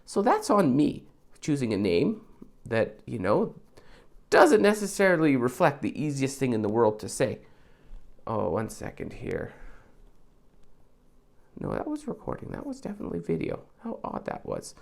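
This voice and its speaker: A man's voice: medium pitch, wildly swooping pitch, moderate pace, gravelly, pauses often. A man who makes props, talking through a painting tutorial in a chatty, rambling way with casual asides. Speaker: prop maker.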